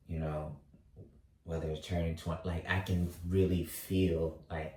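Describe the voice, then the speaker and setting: A thirty-year-old man vlogging, talking slowly through his thoughts with lots of fillers and restarts. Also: low-pitched, dark tone, distant mic. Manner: halting, many fillers and restarts. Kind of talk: reflective casual monologue. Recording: roomy echo, voice set back from mic.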